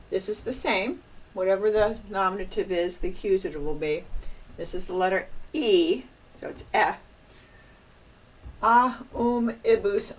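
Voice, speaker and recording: A woman teaching a Latin grammar lesson, patiently repeating and drilling word endings as she works at the board. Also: fairly low pitch. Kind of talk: classroom lecture at a board. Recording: distant mic with faint room noise.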